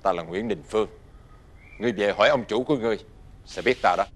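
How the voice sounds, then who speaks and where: An older actor playing a righteous, wealthy old gentleman who speaks with stern, dignified authority. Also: fairly low pitch, fast, close to an everyday voice. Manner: dignified, stern, lecturing, uses archaic "ta/ngươi".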